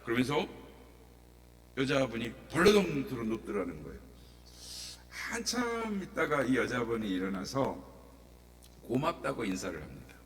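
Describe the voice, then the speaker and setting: A man's voice: medium pitch, big pitch swings, normal speed, long pauses. A male pastor preaching a sermon in a church and telling stories dramatically, acting out the voices. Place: church sanctuary. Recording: echoey church hall, mic at a distance, faint hum.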